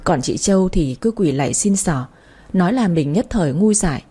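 A woman narrating a dramatic story in a steady storytelling manner. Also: fairly low pitch, moderate pace, slightly rough.

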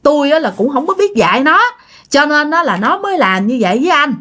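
A woman's voice: high-pitched, very animated, fairly quick, bright, forceful tone, voice pushed up, full character voice. A woman voicing a desperate middle-aged mother who begs for her son. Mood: pleading. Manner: begging, tearful pleading.

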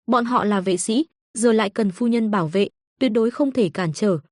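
A woman's voice: fairly high pitch, normal speed, dry recording, studio quality, natural voice. A woman playing a loyal bodyguard captain. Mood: earnest.

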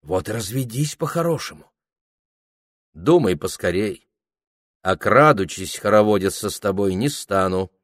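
A man's voice: lowish voice, expressive, measured pace, long pauses, no room sound, clean studio sound. A man reading a novel aloud, voicing a bold, sly village woman who coaxes and reproaches in a sing-song way. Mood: teasing.

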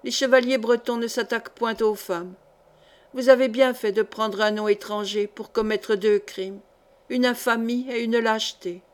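Female reader voicing a dignified, reproachful noblewoman, higher voice, storybook. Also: steady tone, moderate pace, lightly acted. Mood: proud. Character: proud, commanding noble countess. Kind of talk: audiobook character reading.

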